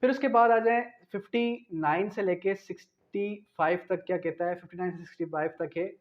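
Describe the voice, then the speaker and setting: Fairly quick and high-voiced, a man with a Pakistani accent gives an explanatory law lecture, answering the very questions he asks. He weaves English terms into his Urdu, and the lecture audio is dull and lo-fi.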